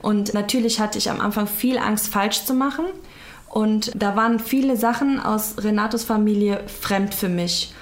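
A woman's voice: mid-range voice, steady tone, normal speed. A woman in her thirties from Germany, speaking candidly and reflectively as an interview guest. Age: 30s. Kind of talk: conversational interview.

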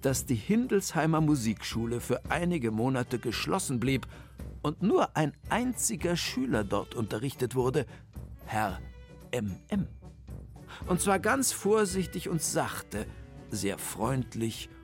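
Lively, slow, husky-voiced story reader. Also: mid-range voice, faint music behind. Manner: lively, expressive reading. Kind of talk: children's story reading.

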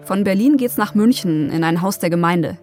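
A woman narrating a documentary podcast as its host, in a calm storytelling manner with occasional personal asides. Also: medium pitch, moderate pace, faint music behind.

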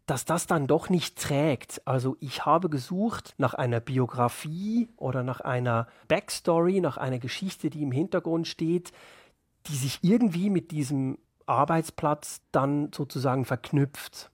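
A radio play author being interviewed speaks thoughtfully, explaining and searching for the right words in a reflective literary conversation. His voice is on the high side, a little slow and slightly rough, captured with clean studio sound and no echo.

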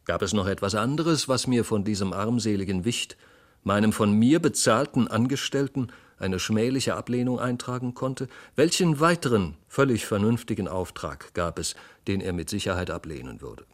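A man narrating a classic story for a radio reading, his delivery dramatic and expressive. His voice sits fairly low but rises and falls with wide swings. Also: moderate pace. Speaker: audiobook reader. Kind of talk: scripted literary narration.

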